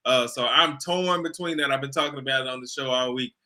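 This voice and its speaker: A man from Texas, a radio host, chatting as a guest over a call in a smooth, lively voice. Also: mid-range voice, brisk. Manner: lively, chatty sports talk. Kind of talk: casual interview chat. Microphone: remote call.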